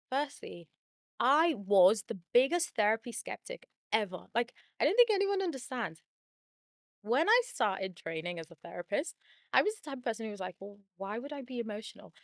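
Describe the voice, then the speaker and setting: A woman's voice: medium pitch, dry recording. Chatty woman therapist, very dry sound. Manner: chatty, quick, laughs often, uses like a lot. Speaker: therapist and channel host. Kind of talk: casual talk to camera.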